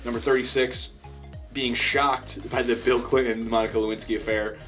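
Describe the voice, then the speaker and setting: A man's voice: mid-range voice, flat delivery, normal speed, a bit bright, faint music behind. A man in his thirties co-hosting a casual podcast, laid-back, swearing freely, crude jokes. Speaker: podcast co-host. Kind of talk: casual chat.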